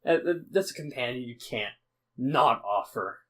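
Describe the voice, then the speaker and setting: A man's voice: medium pitch, lively intonation, normal speed, fairly bright tone, poor audio. Rambling, profane young man recapping a game. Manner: rambling, profane, restarts often; acts out characters' lines in snippets. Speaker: podcast host recapping a tabletop game. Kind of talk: casual storytelling recap.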